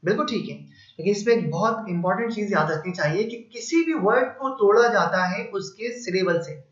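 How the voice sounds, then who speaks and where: High-voiced man teaching in an echoey room. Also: fairly quick. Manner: patient, step-by-step explaining with examples. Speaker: English teacher. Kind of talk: explanatory lesson. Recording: echoey room, slightly dull sound.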